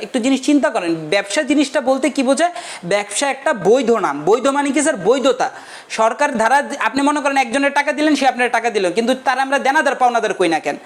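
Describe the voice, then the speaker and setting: A male economics teacher, giving a casual, joking lecture and often checking that the class follows. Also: very high voice. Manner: joking, keeps checking the class understands, asks rhetorical questions.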